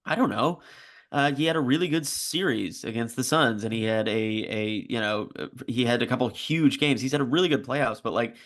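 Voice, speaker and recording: Male podcast co-host, mid pitch, easygoing and hedging, with bursts of emphasis. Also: a little fast. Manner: relaxed, hedging, many restarts and "like"s, bursts of emphasis. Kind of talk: casual sports podcast chat.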